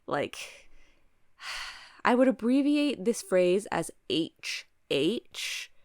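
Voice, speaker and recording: A woman hosting a podcast in casual chat, halting as she carefully picks her words and talks around them. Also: mid-range voice, very animated, darkish tone, dry recording, studio quality. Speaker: podcast host. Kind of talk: casual podcast chat during a word game.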